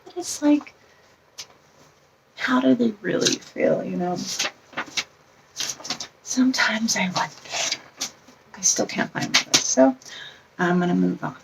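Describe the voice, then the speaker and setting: A woman's voice: medium pitch, vocal fry, far from the mic, slight background noise, rough recording. A woman chatting casually as a tarot vlogger, meandering and often correcting herself as she shows things off. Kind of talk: casual show-and-tell chat.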